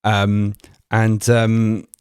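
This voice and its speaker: A man co-hosting a podcast, discussing a film in a rambling, halting way with many fillers. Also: on the low side, completely flat delivery, a little mellow, clean tone, no room sound, clean studio sound. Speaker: podcast co-host.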